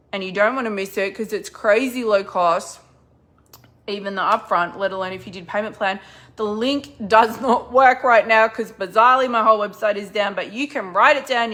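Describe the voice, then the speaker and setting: A middle-aged woman business coach giving an energetic, chatty motivational talk with a faith-based slant. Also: mid-range voice.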